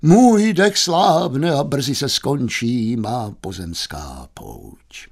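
A man voicing a melodramatic young male shop assistant who declaims in a theatrical way, with a husky voice. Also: mid-range voice, sing-song, a little mellow.

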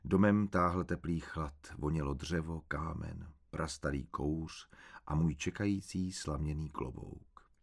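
Low-voiced calm male narrator. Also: creaky. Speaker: audiobook narrator. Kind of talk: first-person literary narration.

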